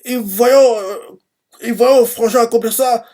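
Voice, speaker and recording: A man's voice: fairly even intonation, takes it slowly, warm tone. A man voicing a timid young boy from a manga who stammers and sounds close to tears. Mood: scared, tearful. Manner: stammering, high and shaky.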